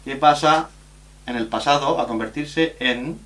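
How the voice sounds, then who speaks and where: A man from teaching a recorded grammar lesson, explaining rules slowly and spelling out letters and examples. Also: medium pitch, fairly bright tone.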